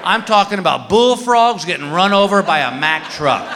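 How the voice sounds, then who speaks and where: A man doing stand-up storytelling, acting out the people in his story with sudden high yelps. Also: moderate pace, background noise. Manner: animated, acts out characters with high yelps. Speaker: stand-up comedian. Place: live stage before an audience. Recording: live hall with crowd laughter.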